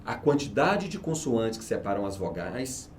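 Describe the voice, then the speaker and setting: In a lowish, sing-song voice at a moderate pace, a man who manages research and market for a company walks an interviewer through his teaching method. He's emphatic and convincing, often answering his own rhetorical questions, with a little hiss or hum in the background.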